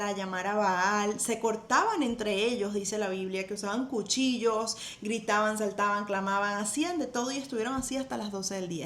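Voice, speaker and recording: A woman with a Venezuelan accent, casually and animatedly retelling a Bible story on a podcast, laughing and acting out quotes. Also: a bit bright. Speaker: podcast host. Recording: echoey room, faint rumble.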